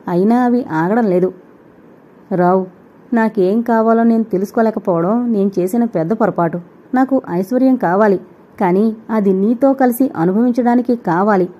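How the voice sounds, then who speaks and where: Woman narrator for an audio novel, mellow dark tone, steady and emotive, lo-fi sound. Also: mid-range voice, breathy edge. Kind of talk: scripted first-person novel reading. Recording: dull lo-fi recording.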